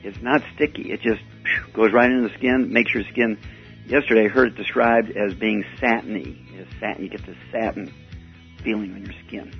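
Gravelly man on a radio call-in, taped off the air. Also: fairly low pitch, steady tone. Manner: unhurried, lots of "uh" fillers. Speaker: radio health talk show host. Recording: dull lo-fi radio tape with faint music.

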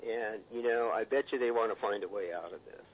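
A man's voice: lowish voice, fairly quick. An American man calling a radio show, giving his political opinion in a casual conversational style. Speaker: radio phone-in caller. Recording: noisy, narrow phone line.

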